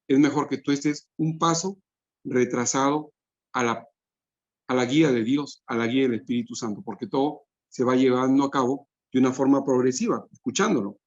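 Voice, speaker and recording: Male pastor, preaching sermon, mid pitch, rhetorical questions, muffled lo-fi sound. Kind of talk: sermon at a couples' meeting.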